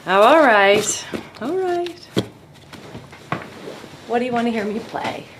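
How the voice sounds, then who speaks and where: A woman's voice: fairly high pitch, animated, slow. A woman playing a mild, indulgent grown-up. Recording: noisy background.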